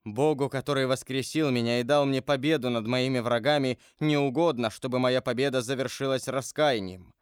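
A male narrator plays a grave, brooding nobleman in an audiobook, solemn and measured. His voice is smooth and clear, recorded close and dry. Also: medium pitch, steady tone, dry recording, natural voice. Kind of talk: audiobook character voice.

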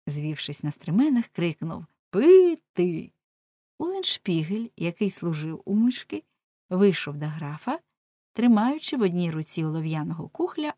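A woman reading a classic tale aloud as an audiobook narrator, in a measured, dramatic storytelling manner. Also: on the low side, darkish tone, no echo.

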